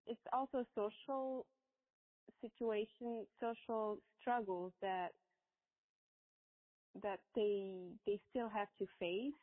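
A woman in her forties from Morocco, telling a personal story as a podcast guest in a halting, hesitant way. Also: mid-range voice, fairly even intonation. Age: 40s. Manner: halting, hesitant with many pauses. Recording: echoey, tinny phone-like line.

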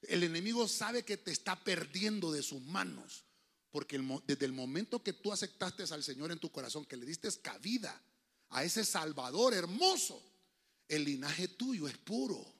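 A man preaching a sermon as a pastor in a church, shifting from fiery outbursts to quiet asides and speaking to the congregation as brothers. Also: on the high side, animated, moderate pace, breathy edge. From Honduras.

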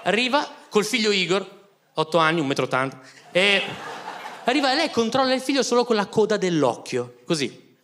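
High, lively man telling comic stories. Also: a little fast, slight background noise. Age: 30s. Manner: animated, exasperated, laughing through punchlines. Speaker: comedian. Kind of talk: comic storytelling.

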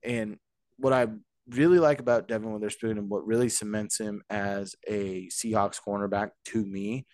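Lively, joking sports podcast host man. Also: lowish voice, normal speed, dry recording. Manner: animated, joking, rambling asides. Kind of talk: casual sports podcast chat.

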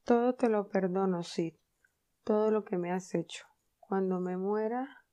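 A woman's voice: medium pitch, unhurried, dark tone, lightly acted. A woman voicing a young schoolboy who fakes being sick, whiny and plaintive. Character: young schoolboy faking illness, melodramatic.

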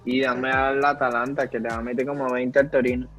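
A man giving quick, bantering picks in a casual chat. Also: medium pitch, flat delivery, a bit bright. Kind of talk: casual chat among friends. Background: background music.

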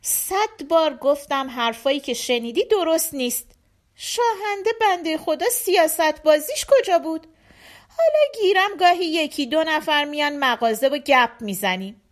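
Lady reading a laid-back husband, jokey and soothing, lively tone. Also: sits high, pitched above the performer's own voice. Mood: reassuring. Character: easygoing middle-aged husband, teasing.

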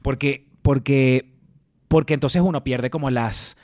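Podcast cohost guy, medium pitch, keeps repeating himself, tries to cool the argument down. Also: fairly even intonation, unhurried, a little mellow, no room sound, studio quality. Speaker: podcast co-host. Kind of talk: heated casual debate.

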